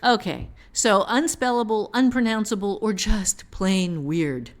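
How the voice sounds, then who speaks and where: A fiction writer hosts a relaxed podcast chat about writing, her mid-range voice moving a little slowly. She talks frankly and lets slip the occasional mild swear.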